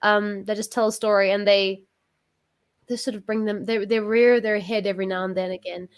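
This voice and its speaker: A woman's voice: medium pitch, level tone, fairly quick, clear, resonant tone. Gushing woman hosting a music show. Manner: gushing, with many fillers. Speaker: host.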